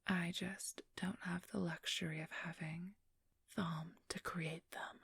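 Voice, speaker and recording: Her voice is lowish and gravelly, level in tone, a bit bright and slightly rough, captured on a close, dry mic with no room sound. She fully inhabits the role of a teasing, timeless vampire thief in an ASMR scene, whispering breathily with sly, boastful condescension and a drawn-out delivery.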